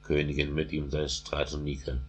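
Man voicing a doting aging king, storybook verse, very deep voice, flat steady delivery. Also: husky, soft background music. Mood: solemn. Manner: solemn, slow verse recitation.

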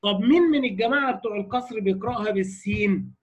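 Egyptian male recitation teacher, high voice, explains step by step and keeps checking that students follow. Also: fast, slightly rough, muffled recording. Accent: Egyptian Arabic. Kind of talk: lecture on recitation variants.

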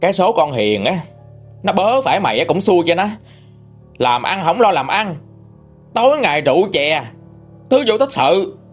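A man voicing a loud-mouthed village woman who runs a shop and berates a drunk debtor in a spoken story. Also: very animated, soft background music. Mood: scolding. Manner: shrill, rapid scolding.

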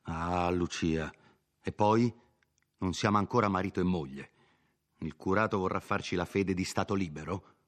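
A man's voice: low voice, moderate pace, lightly acted. A man reading a novel aloud, voicing a hot-headed young village man with an angry, bitter edge.

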